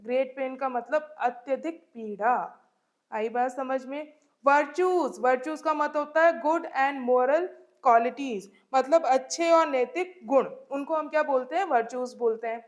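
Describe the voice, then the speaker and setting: A woman teaching an English poem, reading English lines slowly and emphatically, then explaining them in Hindi and often checking that students follow. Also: sits high.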